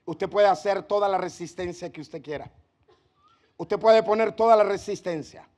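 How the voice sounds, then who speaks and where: A man preaches a sermon in a strikingly high-pitched voice. He moves from quiet, intimate pleading to loud, fervent shouting. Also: normal speed. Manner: impassioned preaching that swings from hushed to shouted. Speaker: pastor.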